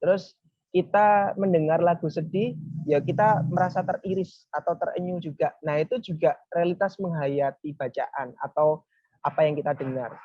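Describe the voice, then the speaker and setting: A relaxed religious speaker gives a casual Friday talk. The speaker explains step by step at a medium pitch, often circling back with little wrap-up phrases. The recording is dull and lo-fi, with a dry, close sound. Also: normal speed, dry recording. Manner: relaxed, explaining step by step, often saying "nah, itu gitu"; talks to a helper advancing slides.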